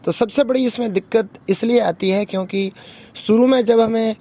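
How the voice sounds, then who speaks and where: High-voiced man explaining Hindi vowels. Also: steady tone, dark tone. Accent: Marwari-influenced Hindi. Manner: hesitant, with many fillers and self-corrections; sounds out vowels slowly and deliberately. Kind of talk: informal spoken lesson. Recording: dull lo-fi recording.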